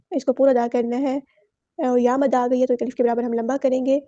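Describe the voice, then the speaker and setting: A woman with a Pakistani Urdu accent teaching Quran recitation rules word by word, chanting each word slowly, then explaining it briskly. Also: high-pitched, warm tone, dry recording, dull audio. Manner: slow drawn-out recitation alternating with brisk explanation.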